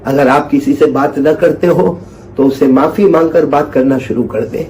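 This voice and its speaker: A man's voice: a little high, dark tone, slight background noise. A man preaching an earnest religious talk, repeating phrases for emphasis and telling a story. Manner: chants Quranic verse slowly. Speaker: Islamic preacher.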